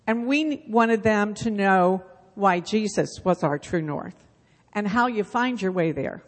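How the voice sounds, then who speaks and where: Her mid-range voice is expressive and a little slow as this middle-aged Bible school leader talks informally into a handheld mic. In the church sanctuary, where a long reverb fills the hall, she chats through self-deprecating anecdotes during a casual announcement.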